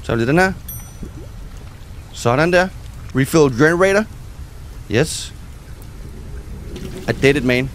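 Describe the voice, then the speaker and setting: A man giving excited gameplay commentary as a gaming YouTuber. He reads game text aloud and drops English game words into his talk. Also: a little high, long pauses, a little hiss or hum.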